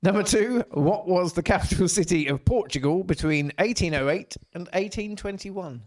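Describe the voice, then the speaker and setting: A man's voice: sits high, normal speed. A man hosting a casual online family quiz, joking, laughing and repeating each question. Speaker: quiz host.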